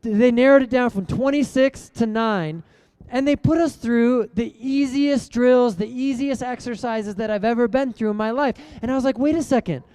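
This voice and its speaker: A young man giving a motivational keynote, telling a story in a lively way and quizzing the audience. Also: extremely high pitch, normal speed, clean tone, dry recording. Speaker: keynote speaker.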